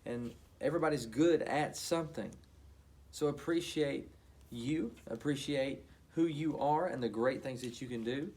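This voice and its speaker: A man reading a children's bedtime story aloud, talking to listeners in a gentle, affectionate way. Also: mid-range voice, unhurried, breathy edge.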